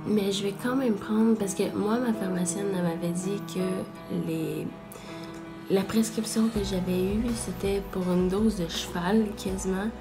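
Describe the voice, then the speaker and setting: A woman's voice: mid-range voice, steady tone, a little slow, music in the background. A woman with a Quebec French accent talking casually and candidly to her vlog viewers. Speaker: vlogger.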